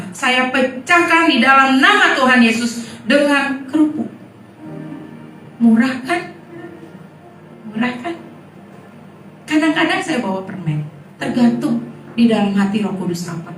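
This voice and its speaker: A woman preacher giving a sermon with personal testimony, telling stories with lively acted-out dialogue. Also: fairly high pitch, a little hiss or hum. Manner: lively storytelling, acting out dialogue. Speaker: guest preacher. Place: church hall. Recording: echoey hall, mic from far off.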